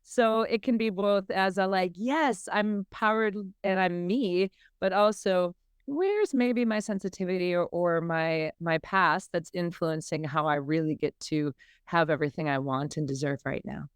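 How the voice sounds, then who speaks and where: A woman's voice: fairly low pitch, moderate pace, clean tone, dry recording, studio quality. A middle-aged woman from Minnesota, a guest on a podcast interview, explaining emotional healing and acting out inner voices. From Minnesota, USA.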